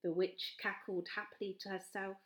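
A woman reading a children's storybook aloud, slowly and with expression. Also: medium pitch. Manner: slow, expressive. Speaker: storybook reader. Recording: roomy echo.

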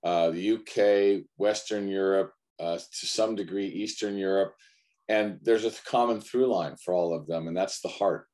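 A man's voice: low voice, moderate pace, darkish tone. A man from the United States, a guest coach in a conversational interview, speaking earnestly and repeating phrases for emphasis. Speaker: guest, men's culture coach.

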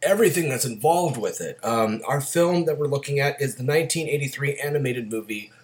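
Raspy, gravelly male podcast co-host with a cold. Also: medium pitch, fairly quick. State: getting over a cold. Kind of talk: casual film-discussion podcast talk.

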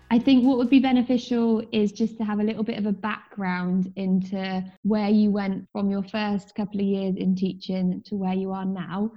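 A woman interviewing a guest, asking polite, measured questions. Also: medium pitch, mellow. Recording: dull lo-fi with faint music.

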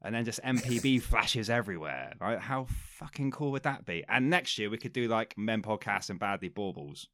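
A man's voice: on the low side, expressive, moderate pace, few pauses, fairly bright tone, no room sound, clean studio sound. A man co-hosting a podcast, teasing and swearing in casual banter. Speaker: podcast co-host.

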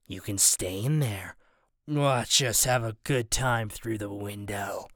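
A man's voice: takes it slowly, no echo, studio quality. A man voicing a drunk, slurring man who mocks and threatens. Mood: taunting. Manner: slurred, low and mocking.

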